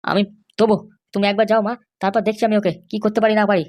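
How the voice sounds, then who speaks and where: A woman voicing a hot-tempered young husband in a cartoon, threatening and shouting insults. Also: medium pitch, little pitch movement, racing, lightly acted. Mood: resentful. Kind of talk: cartoon voice acting.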